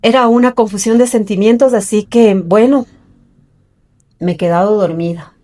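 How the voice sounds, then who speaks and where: A middle-aged woman tells her own story in an interview. Her voice sits at an ordinary middle pitch, and she speaks in an earnest, personal way. She often acts out the voices of the people she remembers. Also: normal speed, warm tone.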